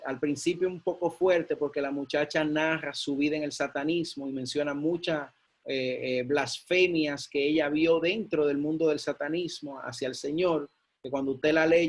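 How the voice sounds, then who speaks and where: A man preaching a sermon, telling a personal testimony with excited repeats and emphatic peaks. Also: fairly high pitch.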